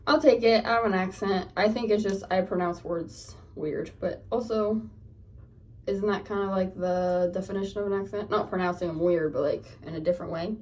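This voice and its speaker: With a mid-range, darkish voice, fairly even intonation and a normal pace, a young lifestyle vlogger from Northern California talks casually while getting ready at home. Her Californian-accented chatter rambles with many fillers, and the phone camera picks her up a bit off-mic from afar.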